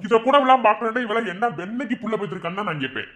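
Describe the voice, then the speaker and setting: A man's voice: high voice, expressive, very fast, fairly bright tone. A man playing a hot-tempered young husband who keeps blaming his wife in a family skit. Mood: angry. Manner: angry, accusing, quarrelsome. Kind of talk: amateur village drama acting.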